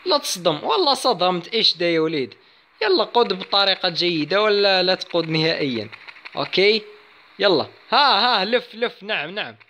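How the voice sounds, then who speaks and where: Brief: excitable male let's-play host, high, bright voice, chatty with viewers. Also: a little fast. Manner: excitable, chatty, addresses viewers, yelps at game moments. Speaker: gaming channel host.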